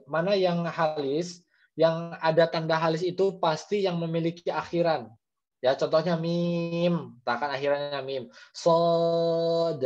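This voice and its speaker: Here the Quran recitation teacher has a fairly high but darkish voice, and he patiently explains the readings and demonstrates them aloud during an online class. It's captured over a video call with dull, lo-fi sound.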